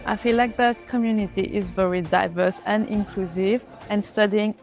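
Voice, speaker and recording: A woman's voice: medium pitch, fairly even intonation, moderate pace, a little mellow, soft background music. A female student giving a sincere promotional testimonial.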